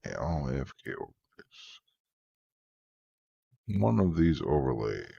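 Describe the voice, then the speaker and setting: Sleepy low-voiced male streamer. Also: measured pace, vocal fry, breathy edge, no room sound, muffled recording. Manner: relaxed, tired, thanking viewers. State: sleepy, yawning. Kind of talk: casual live-stream chat.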